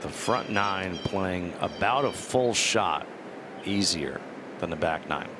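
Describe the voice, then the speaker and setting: A man's voice: deep voice, animated, slow. A man leading live golf commentary, concisely announcing players and scores. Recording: outdoor broadcast with clear background noise.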